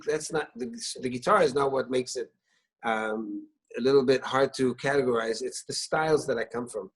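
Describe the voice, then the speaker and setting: The audio is poor on this video call with a singer-songwriter guest, a middle-aged Israeli-born man whose native tongue is Hebrew. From his living room, he tells stories warmly but hesitantly, with many restarts and fillers, in a medium-pitched voice.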